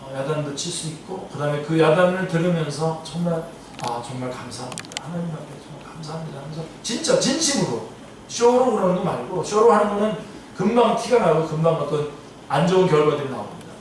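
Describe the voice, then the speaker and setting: A man's voice: a little high, lively intonation, brisk, slight background noise. A man teaching an afternoon Bible study as a pastor, speaking in an earnest, exhorting way. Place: church sanctuary. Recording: echoey church hall from a distance.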